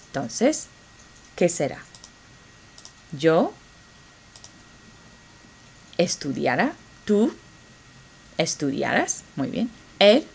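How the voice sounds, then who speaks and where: A woman Spanish teacher, slowly drilling verb forms and encouraging students. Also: deep voice. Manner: slow, encouraging drill pace with pauses. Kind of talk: classroom grammar lesson.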